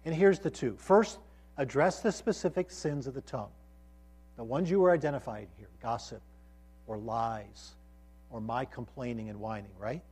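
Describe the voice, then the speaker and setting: A man's voice: medium pitch, moderate pace, a little mellow, slightly rough. A man teaching a sermon to a college group, earnest and emphatic, often restarting phrases and checking in with his listeners. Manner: frequent restarts and repeated words. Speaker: college ministry pastor.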